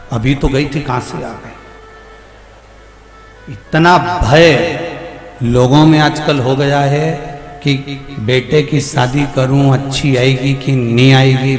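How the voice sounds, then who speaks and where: Man preaching in an echoing hall. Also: medium pitch. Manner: lively storytelling with rhetorical questions and folksy jokes. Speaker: katha preacher. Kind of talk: Hindi devotional sermon to a large audience. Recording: echoey reverberant hall with music behind.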